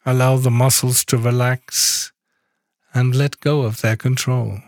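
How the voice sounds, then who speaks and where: Slow, calm male meditation guide. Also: mid-range voice, dry recording, studio quality. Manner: calm, soft-spoken instructions with long pauses.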